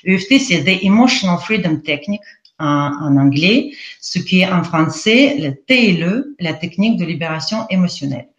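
A woman's voice: fairly low pitch, animated, normal speed. A woman from Russia with a Russian accent, a guest telling her story hesitantly with many fillers in a live interview. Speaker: guest, EFT practitioner. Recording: roomy, dull lo-fi sound.

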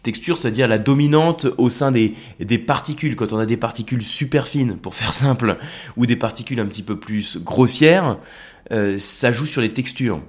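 A man's voice: medium pitch, normal speed. A man hosting an educational wine podcast, explaining at length in a casual, hesitant way with many fillers.

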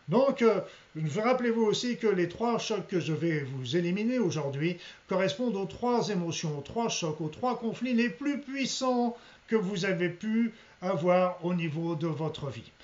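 A man speaking as an energy healer, explaining and giving guided instructions to his viewers with hesitant pauses. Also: fairly high pitch. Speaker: energy healer leading a remote healing session. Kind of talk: spoken guided healing talk to viewers. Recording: dull lo-fi sound.

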